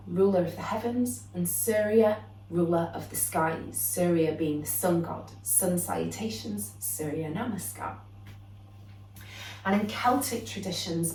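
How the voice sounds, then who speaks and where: A young woman, a yoga teacher calmly explaining the theme of her practice with the odd "um". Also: on the low side, far from the mic, slight background noise. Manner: calm, explanatory, with frequent "um" fillers. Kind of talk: yoga lesson introduction. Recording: roomy echo, voice a bit off-mic.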